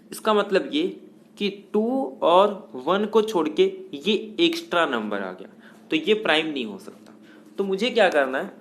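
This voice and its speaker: A man with a fairly high voice teaches math in a patient, step-by-step lecture. He poses questions to the class and answers them himself, mixing English terms into his speech. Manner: explains step by step, asks and answers own questions.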